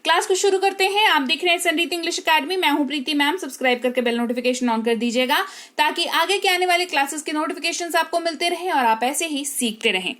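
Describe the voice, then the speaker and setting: High-voiced woman teaching English. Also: quick pace, fairly bright tone. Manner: patient, stresses words by repeating them. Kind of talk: online spoken-English lesson.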